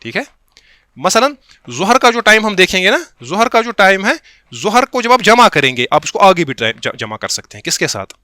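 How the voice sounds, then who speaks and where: Male instructor from Kashmir, clear bright tone, dry close sound, steady classroom delivery with patient glosses. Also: sits high, no room sound. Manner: explains slowly, reads Arabic text then glosses it, checks understanding with the class; quotes lines slowly and deliberately. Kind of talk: classroom lecture on a religious text.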